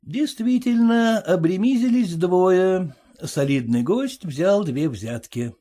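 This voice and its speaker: A man reading a classic story aloud in a steady, measured narrating voice. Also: high voice. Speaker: reader.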